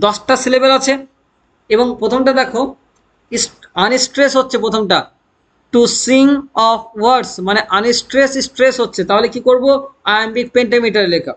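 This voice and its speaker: A male teacher giving a lecture. He dictates notes slowly, spells words out letter by letter, and explains quickly in a mix of two languages while asking questions and answering them himself. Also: extremely high pitch. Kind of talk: classroom lecture.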